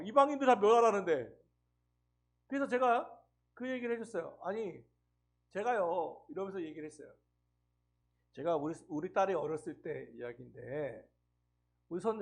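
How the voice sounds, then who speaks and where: A middle-aged man preaching a sermon as pastor, telling stories and acting out quotes with lively emphasis. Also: sits high, creaky, slightly rough. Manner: storytelling with acted quotes, animated.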